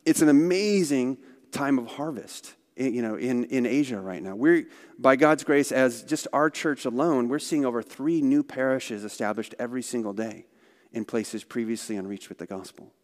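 A man's voice: mid-range voice, moderate pace. A man speaking for a missionary organization, telling stories in a conversational church talk with asides. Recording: long hall reverb.

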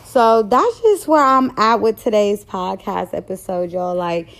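A woman in her thirties talks straight into her podcast mic in a loose, unscripted solo monologue. Her voice sits at an ordinary mid pitch for a woman. She is blunt and candid, and she often trips over her words as she goes. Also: measured pace, vocal fry. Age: 30s. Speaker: podcast host.

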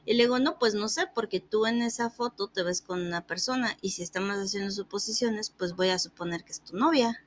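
A woman's voice: mid-range voice, a little fast, few pauses. A woman, telling a funny story in casual chat and acting out the other person's lines, laughing often. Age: 30s. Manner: animated, acts out quoted dialogue, laughs often.

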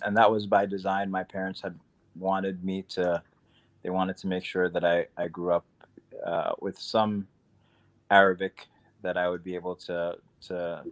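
Deep-voiced laid-back New man. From Queens, New York. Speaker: imam and teacher, podcast guest. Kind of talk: casual podcast chat.

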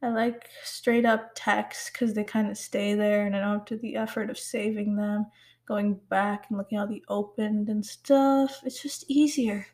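In a mid-range, slightly mellow voice with a level tone and normal speed, a Pakistani-heritage teenager runs her own podcast. The solo chat is casual and rambling, full of self-teasing and "like" and "um."

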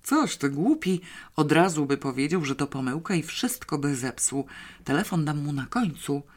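An audiobook reader voicing an earnest, excitable young girl who often whispers. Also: mid-range voice, moderate pace, close to an everyday voice. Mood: whispering. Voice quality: breathy, whispering at times. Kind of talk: audiobook character voice.

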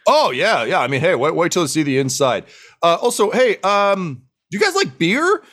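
A man voicing a jumpy, friendly male dwarf guard who stammers and gets excitable. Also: sits high, normal speed, voice pushed up, heavily acted. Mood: eager.

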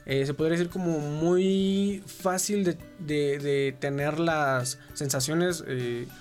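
A man's voice: fairly high pitch, steady tone, slow pace, faint music behind. A man in casual podcast chat, chiming in with short agreements and jokes.

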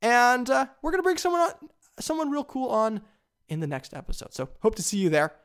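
Eager young man with a gravelly voice. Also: brisk. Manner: eager and rambling, with big excited jumps in pitch. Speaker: podcast host. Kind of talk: solo podcast monologue.

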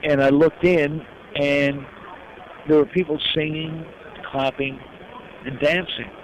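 An older man from New York telling personal stories as an interview guest, reflective and heartfelt, pausing often. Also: fairly high pitch, flat delivery, crowd noise. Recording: dull lo-fi sound with clear background noise.

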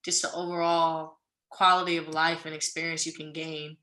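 Young New woman, podcast co-host, earnest motivational rambler, bright forward tone. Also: low voice, level tone, moderate pace, poor audio. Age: 20s. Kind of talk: casual chat.

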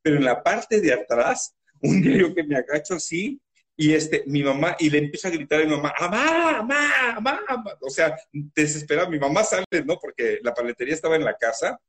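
A man with a Mexican accent, a guest in an interview, telling stories from his life in a loud, animated, emotional way. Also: fairly high pitch, brisk. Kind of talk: emotional storytelling.

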